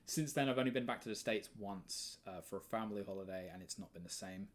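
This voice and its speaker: A man's voice: fairly low pitch, fast. A man in his twenties with an English accent, hosting a live stream in casual chat, rambling, swearing freely and laughing often. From England. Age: 20s.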